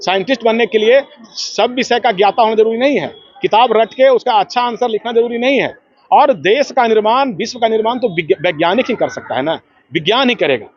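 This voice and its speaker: A man's voice: high-pitched, brisk. A man who heads a school, speaking to a news camera in an earnest, emphatic, lecturing way. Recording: dull lo-fi news audio.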